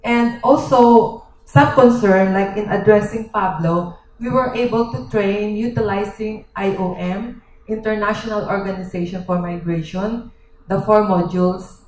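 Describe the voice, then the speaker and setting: A woman with a Filipino accent speaking at a workshop discussion into a handheld microphone, listing points with frequent pauses. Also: mid-range voice, a little mellow, slight background noise. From Philippines. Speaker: workshop participant. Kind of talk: question and answer discussion. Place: hotel conference room. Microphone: handheld microphone through room speakers. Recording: echoey hall from far off.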